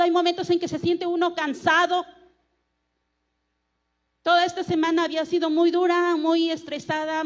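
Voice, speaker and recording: A woman preaching a sermon in a church, earnest and prayerful, slowing down to stress key words. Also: sits high, muffled recording. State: tired.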